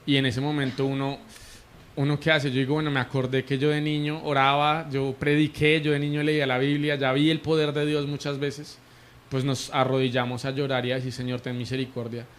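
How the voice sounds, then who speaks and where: A man's voice: medium pitch, little pitch movement, a little fast, a little hiss or hum. A man from Colombia with a Colombian Spanish accent, a prophet and interview guest, telling his faith testimony in an earnest, emotional way, often restarting his sentences. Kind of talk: conversational testimony.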